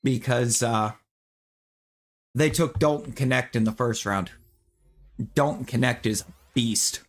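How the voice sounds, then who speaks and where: A man's voice: mid-range voice, slow pace. A man streaming a video game, chatting casually with viewers and giving his opinions in a rambling, loose way. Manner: opinionated, talks to chat viewers; rambling with restarts and fillers. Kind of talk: casual chat while gaming.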